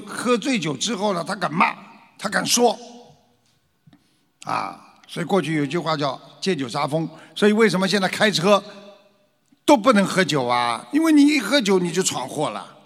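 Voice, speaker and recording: His high voice moves at normal speed, followed by a long reverb tail. He lectures an audience about traditional culture with animation, asking many rhetorical questions and now and then performing frightened voices.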